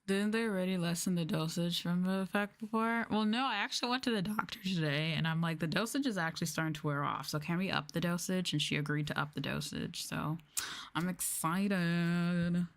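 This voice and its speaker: A sleepy VTuber on an ASMR livestream chats casually, reading and answering viewers with a drowsy manner and sighs. Her voice is on the low side and a little fast.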